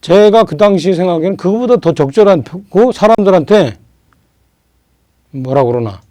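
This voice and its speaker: A man's voice: sits high, expressive, dark tone, no room sound, studio quality. A man of about sixty, a guest on a political talk show, speaking emphatically and asking rhetorical questions. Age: around 60. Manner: emphatic, asks rhetorical questions, drawn-out pauses.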